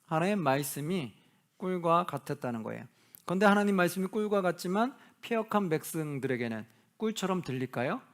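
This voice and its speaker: A male pastor giving a Bible study lecture, reading scripture slowly and asking the class questions that he answers himself. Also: sits high, animated. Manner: acts out quoted lines of imagined people.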